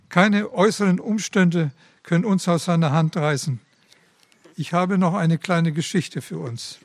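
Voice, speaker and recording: Slow, solemn male preacher. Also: sits high, no echo. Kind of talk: devotional talk with read-aloud story.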